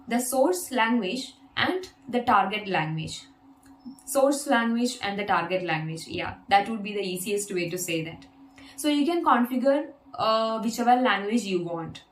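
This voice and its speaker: A woman whose first language is Malayalam teaches an English video lesson, patiently demonstrating an app step by step. Her voice is fairly high-pitched, and the room is echoey.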